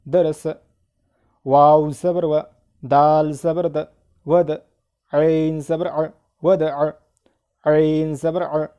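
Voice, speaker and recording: Slow, mellow man drilling Arabic letters. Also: on the high side. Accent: Indian. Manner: spells each letter with its vowel mark, then speeds up for explanations. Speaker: Quran reading teacher.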